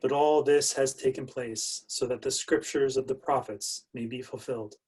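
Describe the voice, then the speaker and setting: A man's voice: medium pitch, steady tone, normal speed, darkish tone, husky, recorded from a distance, poor audio. A man in his forties reading a scripted scripture part on a video call at home. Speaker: lay reader of Jesus's words in a passion play. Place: small home room, indoors. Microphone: video call, computer microphone.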